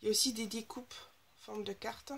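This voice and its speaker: This scrapbooking vlogger has a fairly high, gravelly voice with a slightly blocked, nasal quality, and she speaks fairly quickly with fairly even intonation. A little hiss or hum sits under the audio. She's chatty and gushing throughout her casual haul video of new craft supplies.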